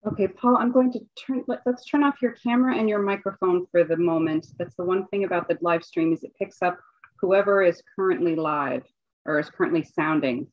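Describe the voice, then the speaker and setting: A woman's voice: fairly low pitch, steady tone, brisk, no room sound, dull audio. Chatty woman hosting over a video call. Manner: chatty, with restarts and fillers. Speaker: host, assistant dean.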